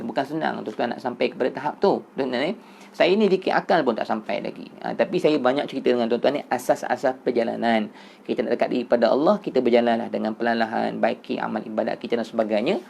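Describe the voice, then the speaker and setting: A man's voice: mid-range voice, fast, creaky, a little mellow, slight background noise. A man with a Malaysian Malay accent gives a Sufi religious lecture. He explains patiently, repeats phrases for emphasis and keeps turning back to address his listeners. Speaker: religious teacher.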